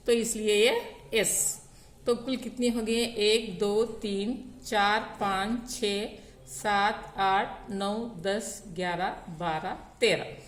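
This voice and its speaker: A woman's voice: mid-range voice, fairly bright tone, echoey room. A woman teaching a grammar lesson on poetic meter, counting syllables aloud one at a time.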